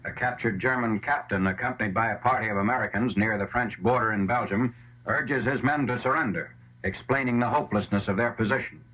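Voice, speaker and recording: A man narrating an old wartime newsreel in crisp, clipped announcing phrases. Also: lowish voice, a little fast, pushed and bright. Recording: dull lo-fi 1940s newsreel soundtrack with faint hiss.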